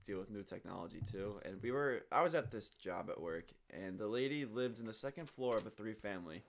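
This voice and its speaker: A man on a casual podcast telling a story in an animated way, swearing and getting louder as he acts out what people said. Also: on the low side, fairly quick. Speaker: podcast co-host.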